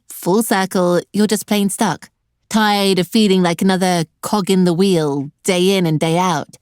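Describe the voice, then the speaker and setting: A woman's voice: fairly low pitch, darkish tone, no echo, clean studio sound. Sarcastic, direct woman hosting a webinar. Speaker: webinar host and career coach. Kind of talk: presenting an online webinar.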